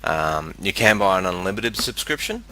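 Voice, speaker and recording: Deep, bright Australian man on cheap headset mic. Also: big pitch swings, moderate pace, rough recording. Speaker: video game presenter. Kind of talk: casual screen-capture commentary. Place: room with a fan running.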